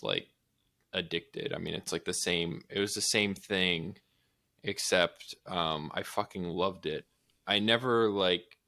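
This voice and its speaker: A man's voice: sits low, gravelly, pushed and bright. A young man co-hosting a podcast, talking loosely with lots of filler words and some swearing. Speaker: podcast co-host. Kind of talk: casual chat.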